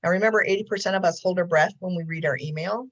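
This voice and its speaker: Speaking fast in a slightly bright voice on the low side, the counselor chats casually over a video call, laughing often and filling gaps with ums. Her audio comes through dull and lo-fi.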